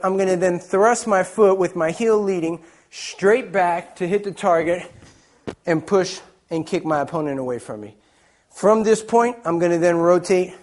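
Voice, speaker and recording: A man's voice: high-pitched, darkish tone. A man teaching a martial arts technique as an instructor, explaining it step by step in short phrases. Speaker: taekwondo instructor, presenter. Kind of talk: instructional demonstration talk.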